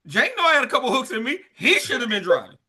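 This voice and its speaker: A man with a high, very bright voice jokes and banters with old friends on a podcast. He chuckles between lines and teases the others. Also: wildly swooping pitch, fast, slightly rough. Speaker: podcast co-host. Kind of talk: casual chat among friends.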